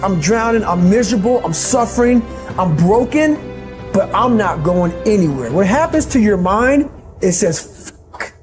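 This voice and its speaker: A man's voice: sits high, darkish tone. Conversational man acting out inner voices. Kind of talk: motivational talk.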